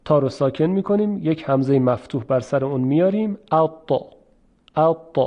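A man teaching how to pronounce Arabic letters for Quran recitation, explaining slowly and repeating drill sounds. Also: fairly high pitch, expressive, lo-fi sound. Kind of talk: explanatory lesson on letter pronunciation.

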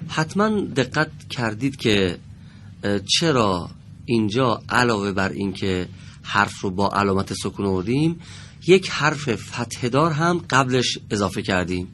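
A low-voiced man teaches a reading class in a studio. His pitch rises and falls freely. He explains patiently and slowly spells out each example word. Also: animated, a bit bright, a little hiss or hum. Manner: patient, deliberate explaining with drawn-out example words. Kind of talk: televised classroom lesson. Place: broadcast studio.

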